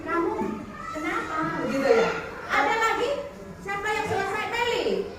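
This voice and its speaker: Woman teacher, really high voice, encouraging the kids, far-off mic in a super echoey noisy classroom. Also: very animated, moderate pace. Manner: encouraging, calls on pupils by name, leads applause. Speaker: primary school teacher. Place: classroom full of children.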